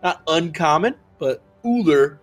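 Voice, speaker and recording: An esports caster with a voice on the high side talks through picks in a video game match at an unhurried pace, his intonation lively. His analysis rambles, full of fillers and restarts, with faint music in the background.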